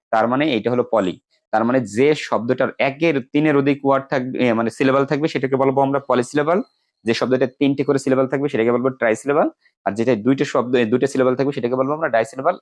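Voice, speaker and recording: A man with a Bangladeshi accent and a medium-pitched voice teaches students an English grammar lesson. He explains things step by step, slowly repeating the key words.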